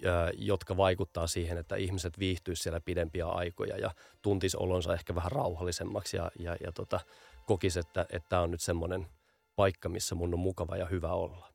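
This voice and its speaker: A man's voice: low-pitched, flat delivery, creaky, darkish tone. A man being interviewed as an audio branding expert, explaining patiently and often repeating small fillers while he thinks.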